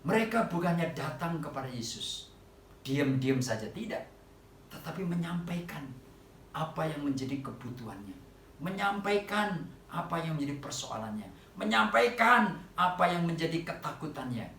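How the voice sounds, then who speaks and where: A man preaching a sermon to a congregation at an online church service, often calling out to them and rising loud on quoted cries for help. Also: fairly high pitch, sing-song, moderate pace, roomy sound, far from the mic, a little hiss or hum.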